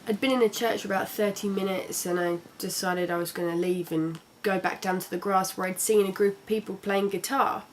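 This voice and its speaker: Young woman, casual travel vlog, chatty, candid, mid-pitched voice. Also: fairly even intonation, a little fast, few pauses, slight background noise. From London. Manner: chatty and candid, with frequent restarts. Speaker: travel vlogger.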